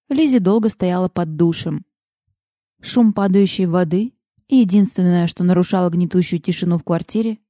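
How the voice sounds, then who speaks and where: A woman giving calm, even scripted narration for an audiobook romance novel. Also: fairly low pitch, no echo, studio quality.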